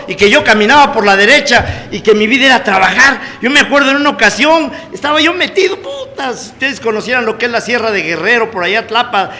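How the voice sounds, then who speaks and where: A man with a Mexican accent tells his story to a gathered audience, cursing freely and dropping from loud emphasis to quiet confession. His voice sits high and bright. It rings through a reverberant hall with a faint hum of noise behind it. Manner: earthy, swears freely, shifts between loud emphatic and low confiding. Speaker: speaker sharing his testimony at a recovery meeting. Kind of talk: personal testimony to an audience.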